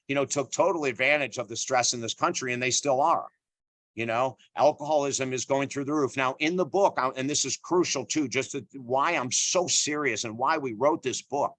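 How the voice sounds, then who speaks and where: A middle-aged man talks as a guest in an earnest, emphatic way, often repeating himself for weight and leaning on "you know." His voice sits at an ordinary pitch for a man. The recording is dry, with no room sound around him. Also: fairly bright tone, no echo. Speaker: author and guest. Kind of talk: conversational interview.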